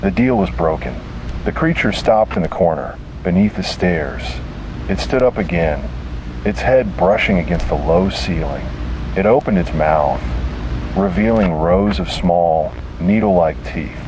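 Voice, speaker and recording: A deep-voiced man performs a first-person horror script expressively and dramatically, breaking it into brief, measured phrases. Behind his low voice there's a clear rumble of background noise.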